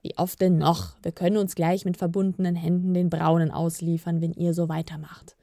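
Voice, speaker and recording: A woman voicing a tired, stern male elf leader with a deep voice, in a storybook reading. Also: flat delivery, moderate pace, creaky, mellow, no echo, clean studio sound.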